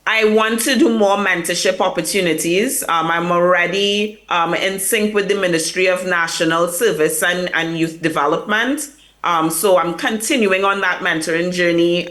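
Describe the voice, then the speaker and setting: Speaking over a remote link from a hotel or room in New York, a woman publicist answers interview questions in an earnest, reflective way, using fillers and restarts. Her voice is on the low side and a bit bright.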